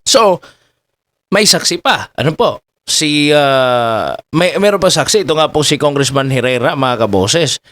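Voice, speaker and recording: A man's voice: fairly high pitch, animated, a little slow, bright, forceful tone. Filipino man with a raised voice over music. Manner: repeatedly addresses listeners as "mga kaboses", filler-heavy, rhetorical "Ha?". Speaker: political commentary vlogger. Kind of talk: casual political commentary to viewers. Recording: talk with music playing behind.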